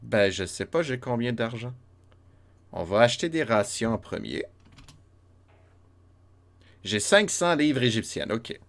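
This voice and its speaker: A streamer with a Quebec French accent chats casually through a let's-play of a retro RPG, laughing a lot and talking to his chat. His medium-pitched voice is animated and fairly bright, a little slow and creaky, with frequent pauses.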